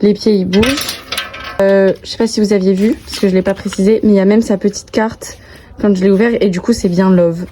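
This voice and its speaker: A woman's voice: medium pitch, fairly even intonation, brisk, mellow. A young adult woman chatting casually to camera in a bubbly, gushing way full of slang. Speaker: vlogger. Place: outdoors near passing cars. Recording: outdoor recording with clear traffic noise.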